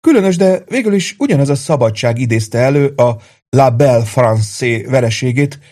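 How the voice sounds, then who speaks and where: A man voicing a gentle, wistful older gentleman who speaks softly. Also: mid-range voice, expressive, pitched above the performer's own voice, close to an everyday voice. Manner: soft-spoken and wistful. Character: older gentle male writer, wistful and calm.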